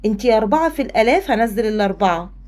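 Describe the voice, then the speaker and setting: A woman math teacher with an Egyptian accent talks quickly through a lesson. Her voice sits a little high and she keeps turning to the pupil, answering for them in turn. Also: lively intonation, a little mellow. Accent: Egyptian Arabic. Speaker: primary school math teacher.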